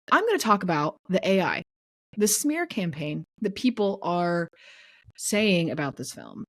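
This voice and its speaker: An excitable young woman chats on a podcast with her friends. Her voice sits a little low for a woman, and she gets animated fast, talking through her enthusiasm. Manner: animated, enthusiastic, breaks into song. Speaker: podcast co-host. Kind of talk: casual chat.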